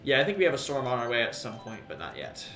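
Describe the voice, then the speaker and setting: A man's voice: medium pitch, huge pitch swings, quick pace, bright, forceful tone. Chatty male streamer over game music. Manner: chatty, swears, laughs easily. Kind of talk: casual gaming stream chat. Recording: roomy sound with game music.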